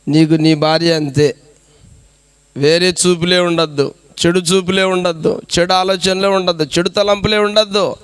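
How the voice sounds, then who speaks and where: A man's voice: sits high, a bit bright, no room sound. A man preaching a sermon as a pastor, exhorting the congregation with rhetorical questions. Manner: repetitive preaching cadence.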